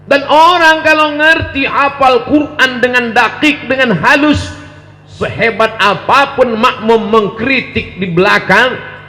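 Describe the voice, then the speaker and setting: A man preaching a humorous sermon to students, joking playfully and chanting verses in long drawn-out recitation. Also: sits high, sharp tone. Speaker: Islamic preacher. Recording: echoey hall with long reverb.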